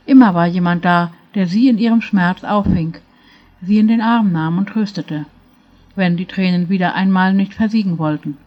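Calm woman reading a fairy tale. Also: fairly low pitch, dull audio. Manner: calm, measured, even reading. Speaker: storyteller.

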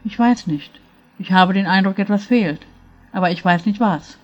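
A woman's voice: medium pitch, normal speed, lo-fi sound, natural voice. A woman voicing a grey-haired older woman who speaks earnestly and pleads, full of regret, in a storybook reading. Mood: unsure.

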